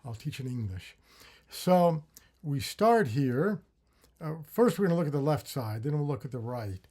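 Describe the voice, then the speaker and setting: A man teaching a lecture on consonant sounds, slowly voicing example syllables and thinking aloud with fillers and restarts. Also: fairly high pitch, sing-song, dark tone. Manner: slow, deliberate, with drawn-out syllable demos. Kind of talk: lecture on phonetics with spoken sound demonstrations.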